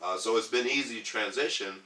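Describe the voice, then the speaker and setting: A man's voice: on the low side, a little fast, bright, forceful tone, far from the mic. A man in his thirties from Detroit, a podcast guest talking earnestly in casual conversation, rambling with lots of ums and restarts. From Detroit, US Midwest. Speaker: podcast guest, community organizer. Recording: echoey room, off the mic.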